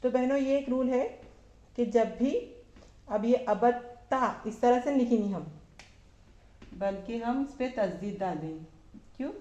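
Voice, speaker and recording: A woman teaching Arabic verb forms to a class of women, asking questions and answering them herself, repeating each form slowly. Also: fairly high pitch, dark tone, echoey room, lo-fi sound. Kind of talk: slow classroom lesson.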